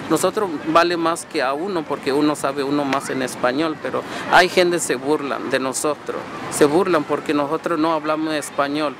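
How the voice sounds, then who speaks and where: Proud Mixtec-accented man, street noise. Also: a little high. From Mexico. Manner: plain-spoken, proud, hesitant fillers. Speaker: interviewee. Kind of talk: casual interview.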